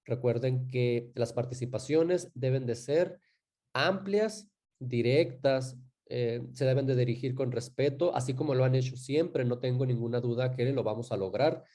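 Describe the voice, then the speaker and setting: A man teaching a live online class, talking in a relaxed way with frequent fillers and self-corrections. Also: mid-range voice, moderate pace.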